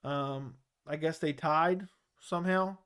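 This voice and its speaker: Responding to viewers on his live chat show, this young Baltimore host rambles in a loose way, full of fillers and restarts, in his local accent. He speaks slowly, his somewhat high voice fairly bright and clean.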